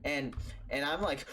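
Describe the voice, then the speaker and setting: A man's voice: mid-range voice, fairly bright tone. A young man telling a childhood story for a storytime vlog, rambling and stammering with lots of fillers.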